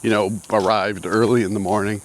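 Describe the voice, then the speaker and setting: A man's voice: lowish voice, flat delivery, fairly quick. A man in his sixties telling a personal story in a casual, rambling way, out of breath and often repeating himself. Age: 60s. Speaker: vlogger. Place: outdoors with mountains in view.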